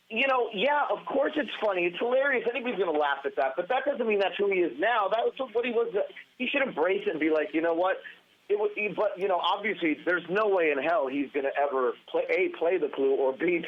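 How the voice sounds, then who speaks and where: A man telling a long story as a podcast guest, animated and rambling, restarting his sentences often. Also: sits high. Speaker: podcast guest, former band guitarist. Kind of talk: casual storytelling interview. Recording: tinny phone-line sound.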